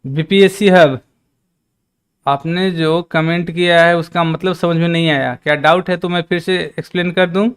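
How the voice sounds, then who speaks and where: A man teaches a maths lesson over a live stream, explaining each step and chatting with his viewers as they type. His voice sits a little high for a man and comes through smooth and clear. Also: steady tone, moderate pace, a bit bright. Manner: chatty teacher, reads out and teases chat.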